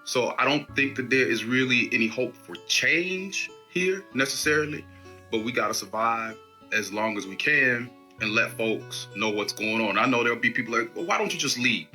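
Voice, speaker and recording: Earnest professor with a sharp voice. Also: male voice, mid-range voice, lively intonation, moderate pace, soft background music. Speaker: university professor. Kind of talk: video diary monologue.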